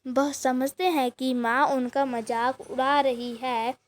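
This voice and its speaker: A woman's voice: sits high, steady tone, slow. A woman teacher reading a textbook story aloud and then explaining each line in simple words, with frequent restarts and filler sounds.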